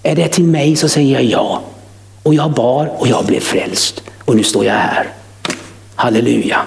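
A man's voice: medium pitch, vocal fry. A man preaching an evangelistic sermon, rising to fervent emphasis and repeating words for effect. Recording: echoey hall with long reverb.

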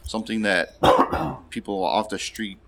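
A man's voice: lowish voice, steady tone, a little slow, a bit bright, slight background noise. A pub owner, a man, talking plainly and a little hesitantly about his business. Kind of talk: casual interview chat.

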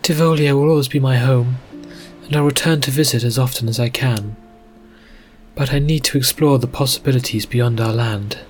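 A man voicing a young woman apprentice mage, earnest and nervous, speaking in a halting, hesitant way. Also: medium pitch, fairly even intonation, darkish tone, soft background music, pitched above the performer's own voice, close to an everyday voice. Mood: resolute.

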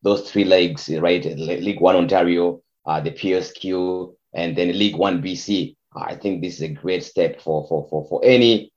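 Deep-voiced man from Zimbabwe, halting speech. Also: a little mellow. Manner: halting, many fillers and repeated words. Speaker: youth soccer head coach. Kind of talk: interview answers. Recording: dull lo-fi sound.

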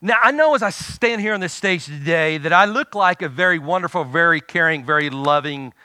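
A middle-aged pastor, preaching a sermon and urging the congregation to answer back. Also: male voice, on the high side, expressive, a little fast, pushed and bright, clear, resonant tone, no room sound. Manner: exhorting, call-and-response.

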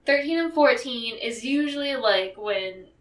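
A woman's voice: fairly high pitch, lively intonation, unhurried, a bit bright, recorded from a distance. A young woman co-hosting a casual podcast chat, laughing often and filling her talk with "like". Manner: chatty, laughs often, heavy use of "like". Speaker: podcast co-host. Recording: echoey room, away from mic.

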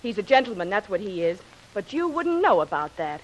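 A woman playing a defiant, sharp-tongued character in 1940s radio drama, melodramatic and scolding. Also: mid-range voice, very animated, a little fast, low-quality recording. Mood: scornful.

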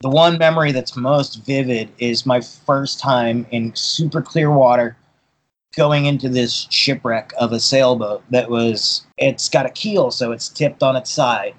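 A Boston-raised dive boat captain appears as an interview guest, telling stories in an easygoing, unhurried way. His mid-range voice comes through a rough recording, and he repeats words as he thinks.

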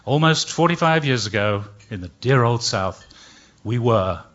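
A man's voice: medium pitch, lively intonation, a little slow, dull audio, noisy background. An older man telling a comic story live, with a dry, wry delivery and playful put-on voices. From Britain.

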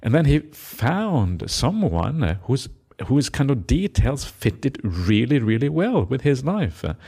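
A man's voice: mid-range voice, big pitch swings, slow, husky. A middle-aged man from Norway, a Buddhist monk giving a reflective Dhamma talk, often ending his points with a questioning "eh?". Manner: reflective, tags lines with a questioning "eh?"; gentle laughter, hesitant fillers.

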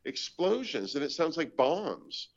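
A man's voice: a little high, unhurried. A man from Canada, a comedian and show host, telling stories in a casual chat and acting out the voices he quotes. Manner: animated storytelling, acts out quoted voices. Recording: dull lo-fi audio.

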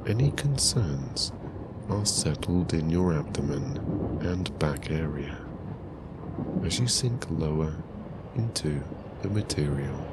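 A man narrating a guided sleep story in a calm, soothing, hushed voice with long pauses. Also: very deep voice, heavy background noise.

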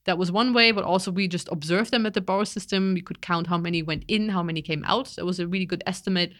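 A woman's voice: lowish voice, steady tone, fast talker, fairly bright tone. A young woman explaining her wildlife research in casual chat, eager, with many restarts and fillers.

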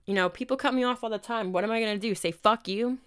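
Smooth-voiced woman, candid podcast host. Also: a little high, racing. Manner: candid, profane, self-help pep talk. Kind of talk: casual advice monologue.

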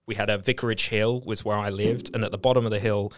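A man chatting casually and telling animated comic stories, swearing freely. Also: fairly low pitch, fast talker, no echo, clean studio sound. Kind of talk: casual chat.

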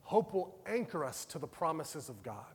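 A man preaching a sermon, passionate and conversational, swinging between loud bursts and soft, quiet stretches. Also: on the high side, very animated, normal speed, husky, in a large hall. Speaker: pastor.

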